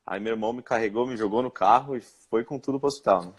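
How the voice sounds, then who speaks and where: A young man from Brazil speaking in a live-stream interview, recounting his experience with many pauses, fillers and restarts. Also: mid-range voice, breathy edge. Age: young adult. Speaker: interviewed guest.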